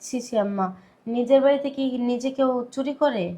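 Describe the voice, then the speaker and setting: An actress playing a wronged, defiant young daughter-in-law in a family drama. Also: female voice, high voice, fairly quick, dark tone, close to an everyday voice. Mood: pleading. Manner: pleading, then firmly reproachful.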